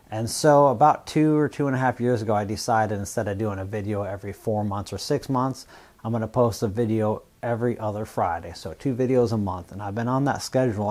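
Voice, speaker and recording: A man from the US Northwest who hosts a fabrication channel, talking casually and plainly to camera in a relaxed, rambling way. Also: on the low side. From Washington State, US Northwest. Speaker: YouTube fabrication channel host.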